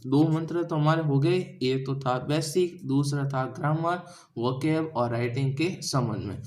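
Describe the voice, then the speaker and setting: A man's voice: mid-range voice, a little slow, a little mellow. A man from India with a Hindi accent teaching an English class, often asking the students a question and then answering it himself. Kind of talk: classroom lesson explaining grammar and pronunciation.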